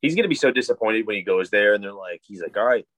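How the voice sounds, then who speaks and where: A man's voice: lowish voice, lively intonation, fast, fairly bright tone, no echo. A married man co-hosting a casual podcast, joking loosely and swearing casually. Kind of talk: casual chat.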